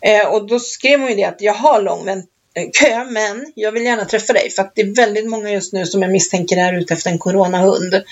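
A woman's voice: medium pitch, fairly even intonation, hardly any pauses. A woman co-hosting a podcast in casual chat, rambling through stories and laughing often. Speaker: podcast co-host. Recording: dull lo-fi recording.

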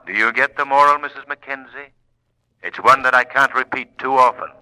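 An actor playing a sardonic, menacing male vigilante in an old-time radio drama, theatrical and deliberate. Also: mid-range voice, bright, forceful tone, clear, resonant tone, rough recording. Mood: grave, ironic. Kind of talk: 1940s radio drama acting.

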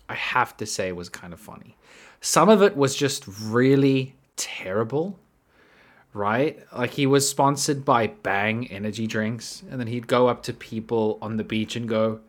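A man's voice: mid-range voice, fairly bright tone. A man giving casual, sarcastic vlog commentary, chatty and fond of tagging "right?" onto his points.

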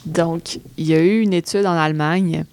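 A woman's voice: fairly low pitch, steady tone, moderate pace, a little mellow, slight background noise. A woman with a Québécois French accent explaining facts in a casual chat, hesitant, with many fillers.

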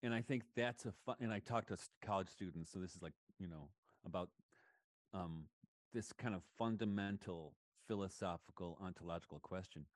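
A man's voice: sits low, fairly quick, no room sound. A man who teaches college students, talking in a thoughtful, rambling way in a casual conversation and retelling scenes with enthusiasm. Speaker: college lecturer.

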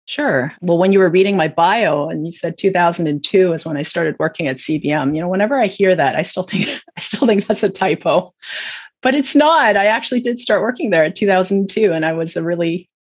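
Speaking a little fast and sounding animated, a middle-aged woman with a Canadian accent appears as a podcast guest. A charity executive director with a fairly low voice, she keeps the interview casual and pokes fun at herself.

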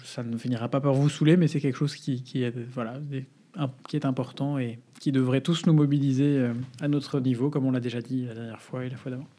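A man's voice: medium pitch, fairly even intonation, a little fast, few pauses, dark tone, a little hiss or hum. A man co-hosting a podcast, presenting news items casually with fillers and restarts. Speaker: podcast co-host.

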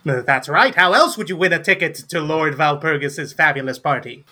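A man's voice: on the high side, moderate pace, bright, forceful tone. A man voicing a pompous gnome barkeep who sells his drinks in grand, old-fashioned phrases. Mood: grandiose. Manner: archaic, theatrical, grandiose. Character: pompous male gnome barkeep, showy salesman.

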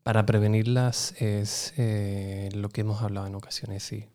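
Guy from telling his story, earnest and lively, mellow warm voice. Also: on the low side, normal speed. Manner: earnest, lively, acts out dialogue. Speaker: interview guest. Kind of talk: animated personal storytelling.

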